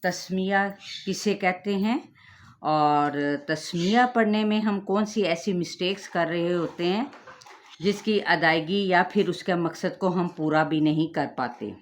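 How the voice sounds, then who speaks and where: A woman with a somewhat low voice gives a tajweed lesson. She explains patiently and slows down to demonstrate each sound carefully. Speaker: Quran recitation teacher.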